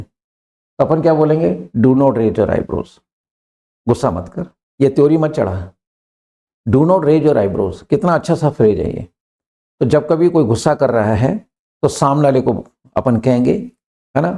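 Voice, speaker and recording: A man teaching English phrases in Hindi, stretching the English examples out slowly and often adding "है ना". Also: medium pitch, vocal fry, warm tone. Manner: slow, drawn-out when saying English examples; repeats fillers like "है ना" and "मतलब".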